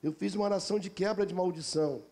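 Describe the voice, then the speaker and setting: A man's voice: high-pitched, fast talker, dark tone. A middle-aged Brazilian man preaching a sermon as a pastor, driving his points home with repeated phrases and personal stories.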